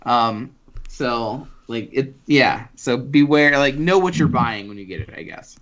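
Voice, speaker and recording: A man's voice: mid-range voice, lively intonation, unhurried, fairly bright tone. Man chatting casually over dull audio. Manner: loose, hedging, sprinkled with "like" and "um". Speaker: podcast co-host discussing books. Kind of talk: casual chat.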